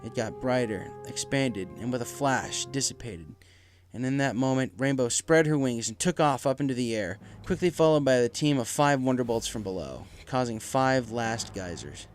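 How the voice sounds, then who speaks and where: A story reader narrates a scripted tale dramatically, his medium-pitched voice expressive and his speed normal. Music plays behind him throughout.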